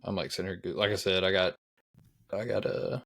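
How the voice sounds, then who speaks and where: A man co-hosting a casual podcast, talking in a hesitant, rambling way full of fillers. His voice is low and gravelly, with a heavy rasp. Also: fairly even intonation, a little fast, a bit bright. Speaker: podcast co-host. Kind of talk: casual chat.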